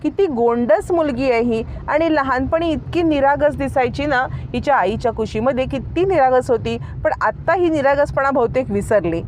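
A woman voicing a sharp-tongued young wife. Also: high voice, normal speed, few pauses, a little hiss or hum, voice pushed up, natural voice. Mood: taunting. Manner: taunting, scolding. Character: sharp-tongued young wife taunting her sister-in-law.

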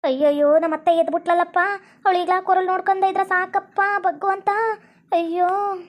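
A woman's voice: extremely high pitch, flat delivery, a little fast. A woman with a North Karnataka Kannada accent, voicing quarrelsome, scolding women in a cartoon story. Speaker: narrator voicing every female figure. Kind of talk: cartoon voice acting.

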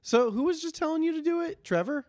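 A man's voice: very high-pitched, quick pace. A young man co-hosting a podcast, telling stories in casual chat and laughing often. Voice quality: laughing, animated storytelling. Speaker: podcast co-host.

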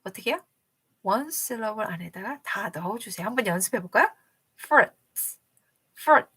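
A young woman teaching English phonics to small children in an encouraging, animated way, slowly modeling each word for them to repeat. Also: medium pitch, husky. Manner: animated and encouraging, drawing out words slowly for repetition.

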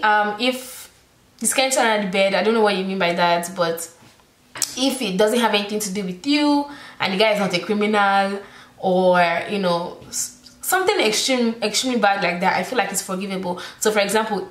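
Filming a casual Q&A vlog indoors in her bedroom, this twentysomething YouTuber with a Nigerian accent talks chattily and expressively, leaning on "like." Her voice is mid-range with a roomy sound.

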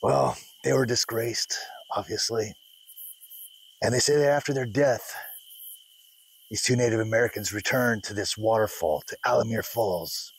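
A man's voice: on the low side, moderate pace, gravelly, long pauses, breathy edge, poor audio. A middle-aged man vlogging a hiking trip, chatting in a folksy, easygoing way and telling stories as he drives. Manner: folksy storyteller, laughs often. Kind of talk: casual vlog chat. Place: car interior and outdoor trail. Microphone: camera mounted on dashboard. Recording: car road noise, from the mic.

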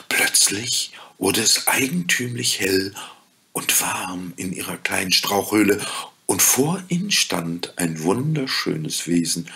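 Ein Mann liest ein Märchen vor, ruhig und gemessen erzählend. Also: male voice, low-pitched, creaky. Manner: calm, measured storytelling. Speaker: narrator. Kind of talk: fairy-tale audiobook reading.

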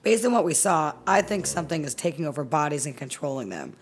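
An actress playing a tough, blunt female ship engineer in an audio drama, crude and deadpan, with a low, gravelly voice. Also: fast talker, faint music behind.

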